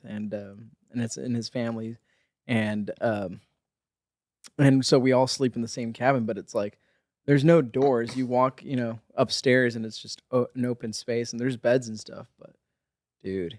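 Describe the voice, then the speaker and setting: A man's voice: medium pitch, steady tone, normal speed, darkish tone, dry recording, clean studio sound. Laid-back, rambling man podcaster. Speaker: podcast co-host. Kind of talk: casual chat.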